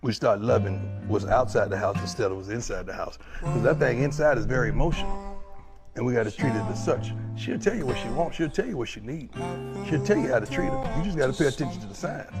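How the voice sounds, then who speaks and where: A man calmly and earnestly explains relationship advice in a played clip. His voice sits at a middle pitch. Loud plucked guitar music plays under his words. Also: fairly quick.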